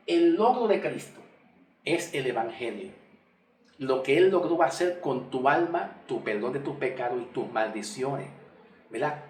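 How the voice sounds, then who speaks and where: A man teaching scripture slowly at a whiteboard, repeating and spelling out key words. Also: on the high side, a little hiss or hum. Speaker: Bible teacher. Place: room with a whiteboard. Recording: echoey room, mic far off.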